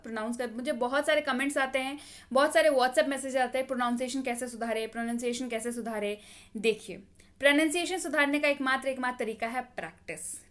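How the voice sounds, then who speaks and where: A woman's voice: high voice, a bit bright. A woman teaching English vocabulary in a patient, drilling way, saying each word and its meaning twice and correcting pronunciation. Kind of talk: vocabulary lesson, word then meaning, repeated slowly.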